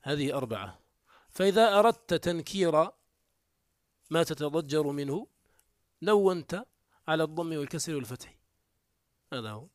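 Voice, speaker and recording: A man teaches from a classical grammar text. His voice sits fairly high for a man and is recorded close and dry, with almost no room sound. He reads a phrase, then unpacks it, often restarting his words. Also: lively intonation, moderate pace, long pauses, no room sound. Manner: reads a line of the text, then explains it, with frequent self-corrections. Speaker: teacher of Arabic morphology. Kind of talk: classical Arabic text lesson.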